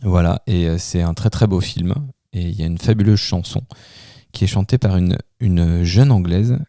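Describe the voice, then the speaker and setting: Man, radio host, deep dark voice, halting casual chat, studio mic. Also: no echo. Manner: hesitant, with many fillers and restarts. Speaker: radio host presenting music. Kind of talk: casual radio music commentary.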